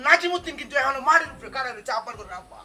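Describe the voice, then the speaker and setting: An actor playing an excitable younger brother who eagerly echoes and shouts, with a Sylheti Bengali accent. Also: male voice, very high voice, racing, full character voice. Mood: agitated. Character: excitable younger brother echoing his sibling.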